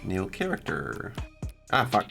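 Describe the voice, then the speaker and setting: A streamer with a low voice, big pitch swings, and a slow, fry-laden, pushed and bright delivery reads game text aloud and offers casual, wry playthrough commentary full of irreverent asides. Music plays behind the voice.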